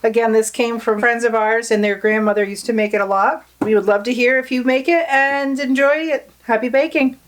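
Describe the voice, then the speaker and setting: A woman hosting a home cooking show, walking through a recipe step by step in a relaxed, homey way, in a kitchen. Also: a little high, a little fast, hardly any pauses. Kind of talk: casual cooking demonstration. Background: clinking dishes and pans.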